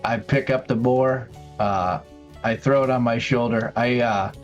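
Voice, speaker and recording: A man's voice: medium pitch, fairly even intonation, measured pace, soft background music. A man playing a tabletop game, speaking as his character in a playful, laughing way. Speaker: player. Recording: dull lo-fi audio.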